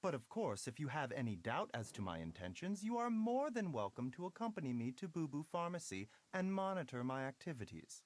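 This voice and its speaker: Baizhu, a smooth-mannered, lilting doctor. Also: male voice, a little high, sing-song. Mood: composed. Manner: formal, measured, polite. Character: calm, courteous, enigmatic male doctor. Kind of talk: video game voice acting.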